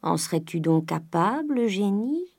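A woman voicing a miserly old man who is by turns gruff and wheedling, with a lower voice and shifting pace. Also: very animated, normal speed, a little mellow, dry recording. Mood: coaxing, gruff.

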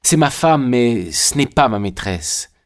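A man's voice: medium pitch, animated, unhurried, clean tone, close to an everyday voice. A man voicing a passionate, remorseful young man in an audiobook, speaking with fervent emotion. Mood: earnest.

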